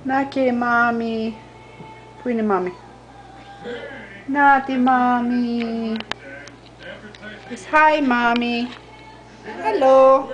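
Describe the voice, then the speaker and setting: A woman's voice: a little high, fairly even intonation, pauses often, lo-fi sound, faint music behind. A woman filming a home video at Christmas indoors, coaxing her toddler to repeat words and switching between languages. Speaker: mother filming her small children.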